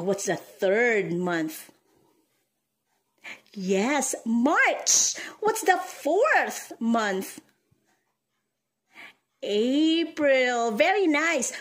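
A woman speaking like a kids show host, teaching young children in an encouraging, sing-song manner with questions and pauses for answers. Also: a little high. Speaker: early-childhood teacher hosting a calendar lesson.

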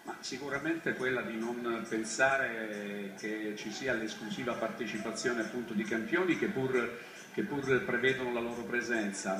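Middle-aged male official, mid-pitched, formal and wordy, echoey broadcast sound. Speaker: sports association president, interview guest. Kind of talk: formal spoken interview answer. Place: outdoor table at a sports field. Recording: echoey, filmed off television.

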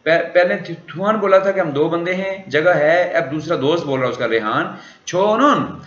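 A language teacher with a brisk, somewhat high voice lectures his class, explaining words and quizzing students again and again. It's a dull, roomy classroom recording.

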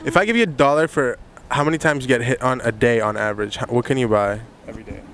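A young man interviews strangers on the street, joking and teasing as he goes. His voice sits at an everyday middle pitch. Traffic passes nearby on the open boardwalk. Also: quick pace, a bit bright. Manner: joking, teasing, swears freely. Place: outdoors on a city beachfront.

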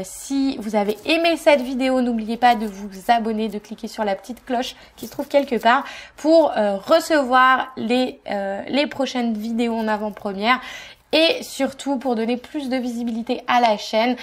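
A woman hosting a language channel, talking to camera with frequent filler sounds and saying short phrases slowly before translating them. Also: on the high side. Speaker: language teacher and channel host. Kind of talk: video lesson to camera.

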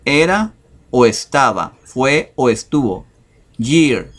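A man teaching English vocabulary over a screen share, talking in a slow, hesitant way with many fillers. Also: mid-range voice, big pitch swings.

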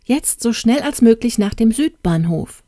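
Brief: kind, courteous young gentleman, voiced by a female reader, dry and close. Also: fairly high pitch, measured pace, no echo, pitched above the performer's own voice. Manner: courteous, calm and helpful.

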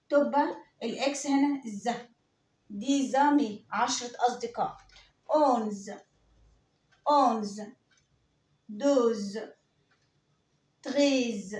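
A woman with an Egyptian Arabic accent teaching a beginners' French lesson, saying each word slowly and repeating it for the class. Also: on the high side, far from the mic. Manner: slow, repetitive drilling of each word. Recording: echoey room, voice away from the mic.

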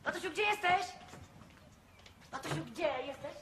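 Brief: a jittery sitcom daughter, very high voice, hiss behind. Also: female voice, unhurried. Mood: worried. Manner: flustered, fretful. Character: flustered, anxious young woman. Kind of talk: sitcom acting.

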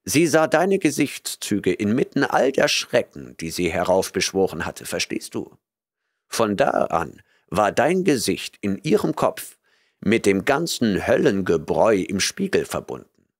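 A man's voice: on the low side, very animated, a little slow, no room sound, clean studio sound, full character voice. A man voicing a vain, condescending elderly professor in an audiobook, with a pompous, self-satisfied manner.

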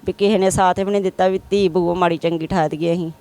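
A woman, the mother of the bride, answers a reporter's questions in an even, flat tone. Her voice is clear and smooth as she names the absent relatives one after another. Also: fairly low pitch, quick pace. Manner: lists missing relatives one by one. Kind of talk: emotional interview answers.

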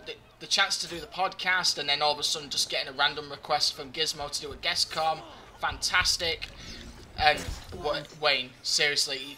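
A young man's fairly high, pushed, bright voice delivers live gameplay commentary, with a slightly groggy quality and a little hiss or hum on the audio. He keeps up a chatty, joking running talk with himself while playing.

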